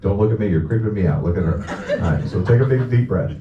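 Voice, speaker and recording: A man with a lowish voice talks quickly as he hosts a stage hypnosis comedy act, ribbing the crowd with profane, crude banter. The indoor venue is recorded by an audience camera far from the stage, giving a far-off, muffled, echoing sound with noise in the background.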